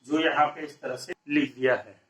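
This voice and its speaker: A man giving an explanatory lesson as a teacher. He poses questions and then answers them step by step, drawing out each example sound clearly. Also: medium pitch, fairly even intonation, moderate pace, fairly bright tone. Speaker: Hindi teacher.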